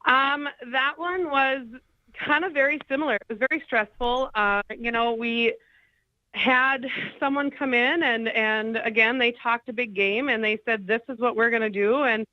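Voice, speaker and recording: A woman's voice: fairly high pitch, measured pace, no echo, highs cut off. A woman calling in to a radio show, telling her story plainly and candidly with some hesitations. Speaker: caller, former client. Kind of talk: phone-in interview. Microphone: phone line.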